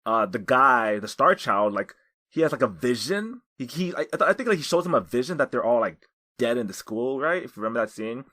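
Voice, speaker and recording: Man, podcast co-host, mid-pitched, hesitant, stop-start explaining. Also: lively intonation, brisk, sharp tone. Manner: hesitant, many restarts and fillers. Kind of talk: casual chat about anime.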